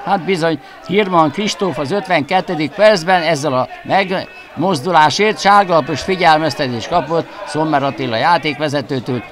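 A man commentates football highlights. His delivery is excited sports commentary, following each pass and lifting sharply when a chance comes. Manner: excited, rising into shouts at chances. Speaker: football commentator for the visiting team.

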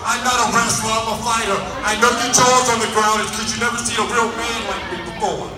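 Echoey, high-pitched male wrestler taunting a crowd. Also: fairly even intonation, fairly quick. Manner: boastful, taunting, shouted delivery. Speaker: professional wrestler. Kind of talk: wrestling promo to a live crowd. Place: large auditorium with stage and wrestling ring, indoors. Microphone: handheld mic over PA, captured by distant audience camera. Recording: echoey hall PA, recorded from far off. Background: crowd noise, music.

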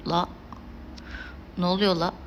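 A woman's voice: fairly low pitch, level tone, takes it slowly, a little hiss or hum. A young woman streaming a mobile game, chatting casually and exclaiming and laughing at the action. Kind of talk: casual gameplay commentary.

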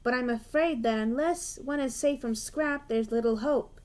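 A woman voicing a kindly, stout male railway boss in a children's storybook reading, calm and approving. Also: high voice, normal speed, natural voice. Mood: pleased.

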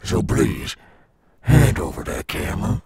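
A man playing a cool, swaggering animatronic alligator rockstar in an ASMR roleplay, gravelly and coaxing, as if talking to a child. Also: mellow, no echo, studio quality, lightly acted. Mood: coaxing, searching. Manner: slow, coaxing, addressing a child listener. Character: cool, swaggering male animatronic alligator rockstar guarding his golf course.

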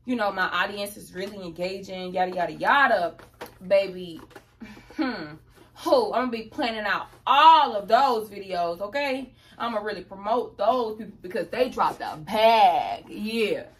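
A woman's voice: medium pitch, animated, moderate pace, far from the mic. A young mother, chatting playfully and casually to viewers at home. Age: 20s. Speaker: vlogger, mother. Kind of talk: casual chat. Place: home, living room.

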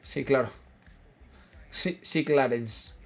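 A man with an Asturian Spanish accent casually commentating his football video game. He swears freely, repeats himself and reacts loudly to every play. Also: medium pitch, extremely slow, vocal fry. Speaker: gaming streamer.

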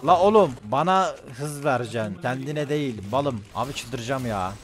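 Casting: young man, excitable streamer, shouts and swears at teammates, mid pitch. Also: normal speed. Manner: loud, excitable, swears a lot, yells at teammates. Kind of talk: live gaming commentary.

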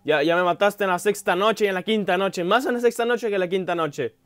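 A young man giving let's-play commentary, rambling aloud with many fillers and bursting into loud yelps whenever something startles him. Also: high voice, fairly quick, no room sound. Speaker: gameplay commentator.

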